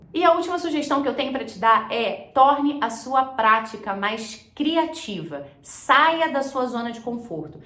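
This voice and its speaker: A woman's voice: a little high, fairly bright tone, reverberant. A woman whose first language is Portuguese, teaching an online language lesson in an explanatory, coaching tone. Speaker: English teacher.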